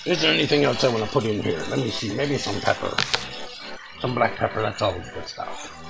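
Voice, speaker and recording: An older man with a lowish, gravelly, creaky voice chats fairly quickly through a home cooking demo, folksy and relaxed, tossing in the occasional pirate joke. A frying pan sizzles in his kitchen and music plays clearly beneath him, and the audio quality is poor.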